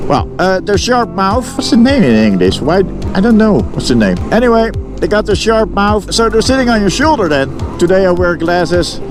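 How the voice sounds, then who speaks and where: A man with a Dutch accent giving a casual, halting motovlog monologue in non-native English, speaking from inside a motorcycle helmet. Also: high voice, big pitch swings, music in the background. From Netherlands. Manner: halting, informal, searches for English words. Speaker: vlogger.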